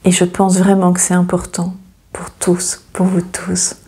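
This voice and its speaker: A woman giving a casual, hesitant astrology reading, with many fillers and gentle reassurance. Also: on the low side, completely flat delivery, a little slow, husky. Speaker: astrology channel host.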